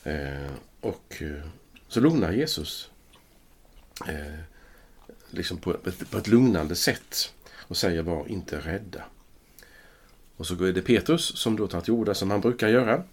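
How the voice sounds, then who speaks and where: Man, low voice, priest, podcast host, measured scripture reading, thoughtful casual discussion. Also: animated. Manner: slow, measured reading, then thoughtful musing.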